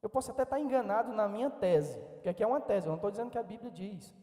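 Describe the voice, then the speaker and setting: Pastor, high voice, storytelling sermon, echoey church reverb. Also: male voice, animated, very fast, warm tone. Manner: storytelling, quoting people in dialogue, rising to exhortation. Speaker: preacher. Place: large church hall.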